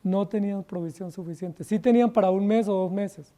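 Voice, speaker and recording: A man from Colombia with a Colombian Spanish accent, a pastor preaching a sermon with rhetorical questions, slowing down to stress key words. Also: sits high, dark tone.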